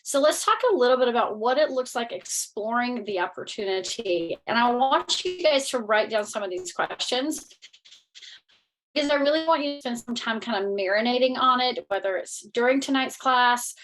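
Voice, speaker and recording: A woman's voice: a little high, animated, moderate pace, a bit bright, low-quality recording. A woman in her thirties from North Carolina with a Southern accent, candidly presenting on a webinar from home over a video call. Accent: Southern American. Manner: candid, blunt, chatty with many fillers. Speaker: network marketing leader.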